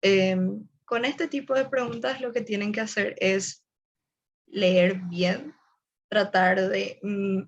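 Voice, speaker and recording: This relaxed webinar features a young adult woman explaining tips and talking directly to her audience. Her mid-range voice keeps a fairly even intonation and a slow pace, captured with lo-fi sound.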